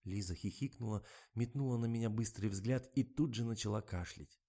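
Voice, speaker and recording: A man reading a novel aloud in an even, ironic narration. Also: lowish voice, moderate pace, slightly rough. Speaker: audiobook reader. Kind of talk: scripted narration.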